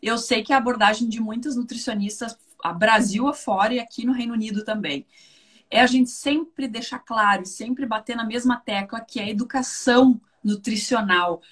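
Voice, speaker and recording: This woman speaks at a moderate pace in a fairly high, fairly bright voice with a southern Brazilian accent. As a guest nutritionist in a live online talk, she explains conversationally and chattily, using emphatic repetition and frequent tag questions.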